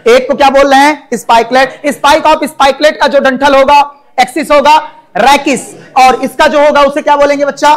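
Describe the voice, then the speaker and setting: A man's voice: extremely high pitch, fairly even intonation, normal speed. Male teacher who lectures with lots of coaxing questions. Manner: coaxing, asks students constant questions. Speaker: biology teacher. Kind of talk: classroom lecture.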